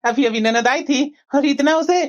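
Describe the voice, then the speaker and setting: A woman's voice: sits high, moderate pace, lo-fi sound, lightly acted. A woman voicing an eager elder sister-in-law in a family cartoon drama, sing-song and inviting. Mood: teasing.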